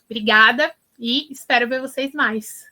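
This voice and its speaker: Interview guest: a woman teacher, upbeat and encouraging, with a higher voice. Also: normal speed. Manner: animated storytelling, encouraging. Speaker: teacher and education influencer guest. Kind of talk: interview answers.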